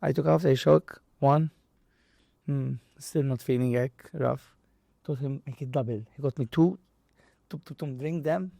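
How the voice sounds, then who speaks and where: This Maltese interview guest, a boxer and boxing trainer, has a creaky, dark, medium-pitched voice and a measured pace. Speaking non-native English with a Maltese accent, he casually tells animated stories and acts out dialogue and impacts, in a dry recording.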